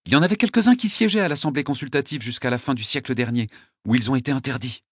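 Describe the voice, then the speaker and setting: A man voicing a husky, imperious noblewoman. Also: mid-range voice, fast, no echo, clean studio sound, voice pushed up, natural voice. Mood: urgent. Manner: imperious, urgent questioning. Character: sharp commanding noblewoman interrogator. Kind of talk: audiobook character voice.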